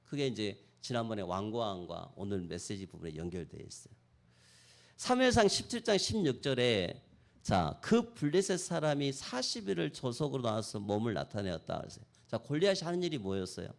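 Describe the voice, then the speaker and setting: A male pastor delivering a Sunday sermon in a church. His voice has a gravelly texture and a lively, wide-ranging pitch. He alternates between loud exhortation and quiet, acted-out prayers. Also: brisk. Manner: preaching with sudden loud and soft swings, acting out prayers. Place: church sanctuary.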